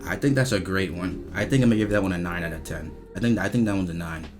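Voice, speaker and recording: Over music, a low-pitched man reviews game voice lines with off-the-cuff, casual remarks. His speech is halting, repetitive and slangy, with a bit of swearing.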